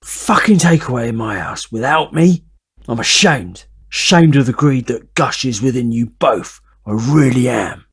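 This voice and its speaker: A woman voicing a husky, brutal drunk father. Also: rumbling low, lively intonation, measured pace, voice pushed down, heavily acted. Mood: scornful. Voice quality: very husky, raspy. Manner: shouting, scolding, menacing. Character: boozing, violent middle-aged father, furious and bullying.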